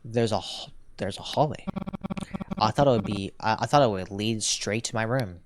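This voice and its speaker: A man's voice: lowish voice, normal speed, background noise. A man commenting on a game as he plays, reading text aloud and musing to himself in a thoughtful way. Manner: thoughtful, reflective, talks to himself while playing. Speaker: gaming YouTuber.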